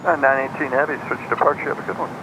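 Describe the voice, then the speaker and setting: A man's voice: mid-range voice, fairly even intonation, rapid-fire. A male pilot speaking over a cockpit headset radio, giving clipped readbacks of air traffic instructions. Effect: cockpit headset radio transmission. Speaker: airline pilot. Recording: muffled radio with heavy static and engine noise.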